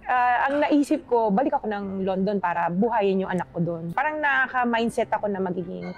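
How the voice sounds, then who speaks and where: A woman's voice: medium pitch, expressive, brisk. Chatty woman interview guest. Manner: chatty, mixing in English phrases. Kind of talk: casual conversational interview.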